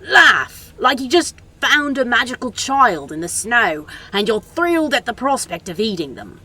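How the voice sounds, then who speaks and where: A woman's voice: on the high side, sing-song, measured pace, sharp tone, husky, full character voice. A woman voicing a sardonic, bossy male demon in a fan audio drama, talking in a dry, exasperated, scolding way.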